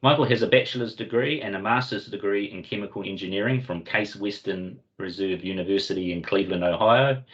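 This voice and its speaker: A man with a New Zealand Kiwi accent hosting a webinar, giving a formal, measured corporate introduction. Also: low-pitched. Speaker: webinar host and company commercial lead. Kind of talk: semi-scripted corporate presentation introduction. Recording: dull, lo-fi online meeting audio.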